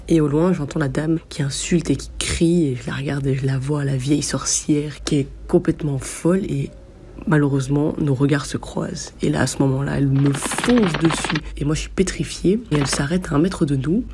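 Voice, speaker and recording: A woman's voice: low voice, brisk, dark tone, slight background noise. A woman telling a crude personal anecdote in a vivid, hesitant way, with many fillers. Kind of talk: casual storytelling.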